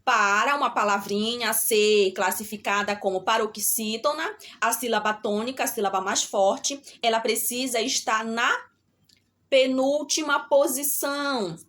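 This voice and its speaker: Brazilian woman, middle-aged, primary teacher on a remote lesson, high bright voice, slow and patient. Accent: Brazilian Portuguese. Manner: slow, drawn-out syllables with a repeated "tá bom?" check.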